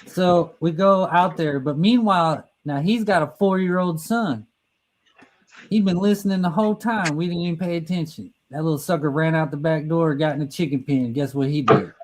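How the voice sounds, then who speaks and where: A man's voice: fairly high pitch, moderate pace, a little hiss or hum, poor audio. A middle-aged man telling a rambling, profane story in casual talk, laughing at his own tale and restarting sentences as he goes. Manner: restarts and stumbles mid-sentence.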